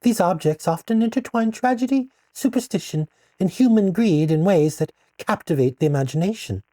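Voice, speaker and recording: A woman playing a female archaeologist guest, speaking in a measured, articulate, lecturing way. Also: mid-range voice, animated, mellow, no room sound, clean studio sound, lightly acted. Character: female archaeologist, scholarly and composed. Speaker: expert guest.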